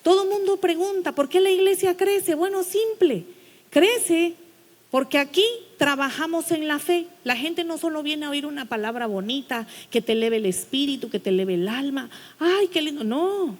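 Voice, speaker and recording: A woman pastor with a high voice delivers a blunt, no-nonsense sermon, pressing her listeners with rhetorical questions. Her voice rings out with the long reverb of a church sanctuary. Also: moderate pace.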